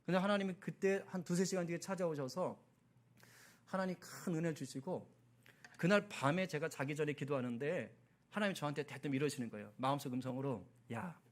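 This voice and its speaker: A male pastor preaching a sermon, telling a personal story with animated delivery and acted-out dialogue. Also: on the high side, fairly quick.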